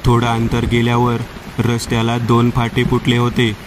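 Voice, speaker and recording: A man tells a spooky tale as scripted narration. He keeps a steady, even delivery at a middling pitch, with almost no rise or fall. A faint hiss sits under the voice. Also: normal speed. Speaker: horror story narrator.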